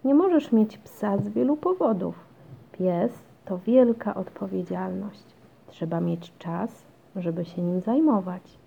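A woman's voice: medium pitch, expressive, slow, gravelly, breathy edge, exaggerated voice. A woman playing a weary, patient mom. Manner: patient and weary, gently firm. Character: tired, patient mother of three. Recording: dull lo-fi recording.

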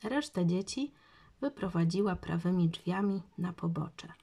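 A woman narrating a children's storybook in a measured reading voice. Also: fairly low pitch, expressive, warm tone.

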